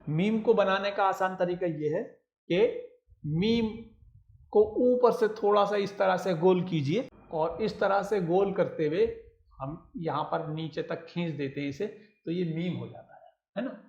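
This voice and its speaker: A man's voice: high-pitched, measured pace, darkish tone, dull audio. A man teaching a children's writing lesson, patiently spelling out letters one by one and repeating each step. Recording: roomy echo.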